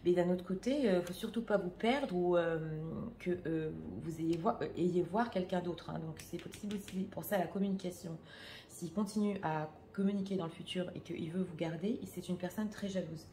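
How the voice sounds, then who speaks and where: A woman's voice: lowish voice, moderate pace, mellow, roomy sound, a little hiss or hum. A French-speaking woman reading tarot cards for her viewers in a casual, hesitant way, full of fillers and restarts. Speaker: tarot reader.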